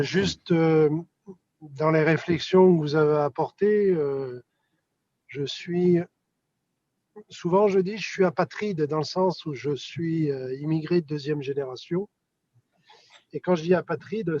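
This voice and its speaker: A man's voice: on the high side, darkish tone, no echo, dull audio. A man taking part in a discussion over a video call, speaking hesitantly with many fillers and restarts. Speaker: conference participant on a video call. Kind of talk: casual discussion. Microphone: video call connection.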